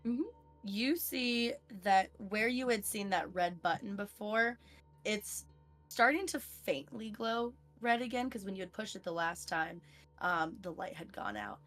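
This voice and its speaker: A woman's voice: medium pitch, animated, measured pace, a bit bright, faint music behind. A woman narrating a tabletop game as game master, describing scenes steadily.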